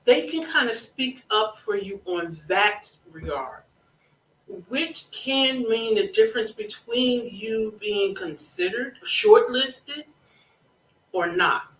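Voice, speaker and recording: A government contracting consultant hosting a live educational monologue, speaking deliberately and repeating key points, with a scratchy throat that keeps needing a clear. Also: mid-range voice, animated, fairly bright tone, far from the mic. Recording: roomy echo, speaking away from the mic.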